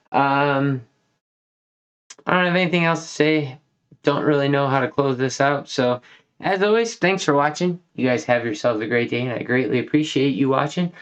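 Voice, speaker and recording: A man hosting a casual whiskey review, talking in a loose, folksy, rambling way. He sounds a little tipsy, and he is short of breath from a lingering cold. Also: mid-range voice. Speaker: whiskey reviewer, channel host. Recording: dull lo-fi recording.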